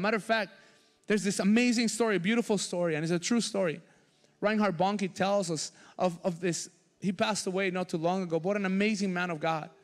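A man preaching a sermon as pastor, passionate, swinging between loud bursts and hushed lines. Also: high voice. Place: church sanctuary. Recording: church hall reverb with soft music behind.

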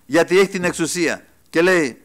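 A man delivers a church sermon in a high-pitched voice. He calls his listeners brothers. He swings between loud, ringing exclaiming and quiet, dropped asides. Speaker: preacher.

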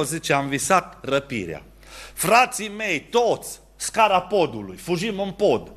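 Male preacher, Romanian accent, fairly high bright voice, animated sermon storytelling. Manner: storytelling preacher acting out dialogue, swinging from hushed to raised. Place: church.

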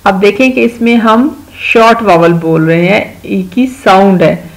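A woman with a Pakistani accent teaches children at home, talking slowly and patiently. Her voice has a gravelly texture, and she draws out each example word so the sounds come through clearly. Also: medium pitch, rough recording. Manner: patient, slow explaining, drawing out sounds in examples. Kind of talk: home-school lesson explaining English vowels to children.

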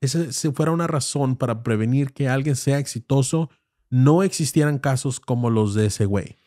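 In a small studio lined with foam panels, a man in his thirties with a Mexican Spanish accent co-hosts a podcast, speaking into a studio mic on a boom arm with headphones on. He argues insistently in a heated, casual debate packed with slang, at normal speed with a warm, medium-pitched voice. The sound is clean, with no room sound.

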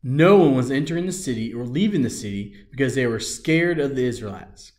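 An earnest man teaches a children's Bible lesson, then prays with a steady "Lord" woven through. His voice sits mid-range, with fillers and small restarts that keep the delivery plain. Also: mid-range voice, a little fast. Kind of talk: Bible story lesson and prayer.

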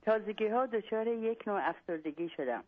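A woman's voice: mid-range voice, animated. A woman from Iran, a guest humor writer, reading her own comic story aloud on a radio show by phone. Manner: storytelling, wry. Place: northern California, on the phone. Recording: tinny phone line.

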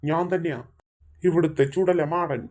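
A menacing male graveyard demon , put on by a woman, speaks in a dropped, heavy voice. He drawls his threats slowly and mocks his victims with gloating laughs. The pace stays unhurried and sinister throughout, in a home-made family skit. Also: lowish voice, fairly even intonation, darkish tone, pitched below the performer's own voice. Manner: gloating, slow and mocking with laughs.

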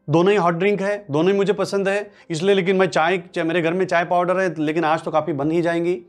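Animated man, Marathi native, teaching. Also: on the high side. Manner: rhetorical questions and repetition, animated rising and falling delivery. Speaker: language teacher. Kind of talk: workshop lecture.

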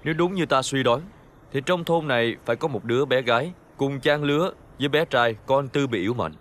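An actor playing a calm, measured male official's aide in a folk-tale TV drama, reasoning through the case. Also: mid-range voice, close to an everyday voice. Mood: urgent.

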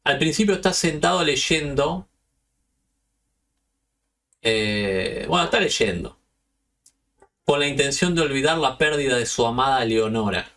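Gravelly Argentine man telling stories. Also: mid-range voice, a little slow, pauses often, distant mic. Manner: loose, slangy and profane, animated retelling. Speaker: podcast host. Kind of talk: casual storytelling chat.

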